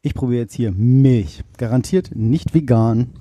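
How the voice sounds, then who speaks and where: A man's voice: medium pitch, a little slow, mellow. A man co-hosting a casual podcast, joking around and teasing in a playful way. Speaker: podcast co-host. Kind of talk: casual chat.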